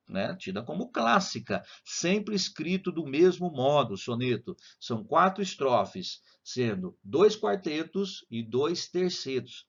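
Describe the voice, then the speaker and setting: A man's voice: mid-range voice, creaky, husky, lo-fi sound. A man with a Brazilian accent teaching a casual video lesson on literature, explaining in a chatty way with frequent tag questions. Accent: Brazilian Portuguese.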